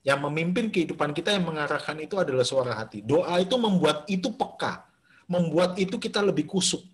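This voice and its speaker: Leading a Bible study by video call, the pastor talks to the group in a slightly high, expressive voice, a bit on the fast side. He's informal and conversational, using fillers and restarting sentences, picked up by the call's microphone.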